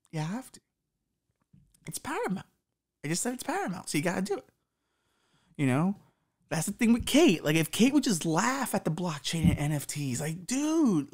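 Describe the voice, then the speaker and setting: Pitched high with noticeable vocal fry, this man in his thirties hosts a podcast and talks through relationship advice. He has a slight lisp and a profane, rambling, self-mocking manner.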